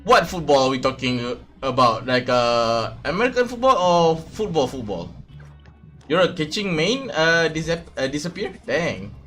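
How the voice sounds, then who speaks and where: A man's voice: a little high, big pitch swings, normal speed, fairly bright tone, soft background music. A man from Malaysia hosting a casual livestream chat, talking hesitantly with many fillers and restarts. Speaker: streamer host.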